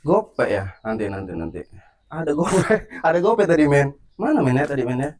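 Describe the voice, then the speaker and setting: A man acting in an amateur skit as a calm hero who stands up to a thug, teasing him and laughing at him. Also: on the high side, a little fast, a crowd in the background. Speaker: skit lead and channel host.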